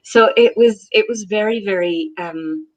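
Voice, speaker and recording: A woman's voice: mid-range voice, measured pace, poor audio. A woman born in Israel and raised in the United States, co-hosting a casual online conversation with emphatic enthusiasm. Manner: emphatic, enthusiastic, hesitant fillers. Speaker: co-host.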